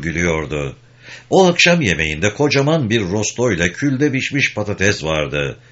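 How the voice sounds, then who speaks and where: Deep-voiced male audiobook narrator. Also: a bit bright. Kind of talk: scripted narration. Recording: dull lo-fi recording.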